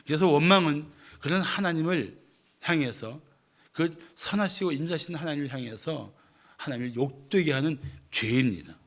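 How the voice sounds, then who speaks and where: Male pastor, slightly higher register, earnest sermon delivery with rhetorical questions. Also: moderate pace, fairly bright tone.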